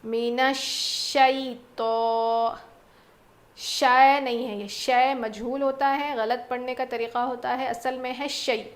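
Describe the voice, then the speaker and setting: A woman teaching Quran recitation, reciting phrases slowly, repeating them, then explaining pronunciation. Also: fairly high pitch, little pitch movement. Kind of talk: slow recitation lesson with explanations.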